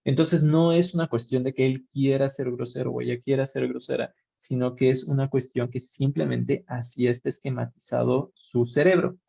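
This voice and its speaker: A man's voice: mid-range voice, steady tone, normal speed, gravelly, few pauses, mellow, slightly rough, no room sound. A man with a Mexican accent giving a webinar lecture, explaining step by step and rephrasing with fillers and asides. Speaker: workshop lecturer. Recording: dull lo-fi webinar audio.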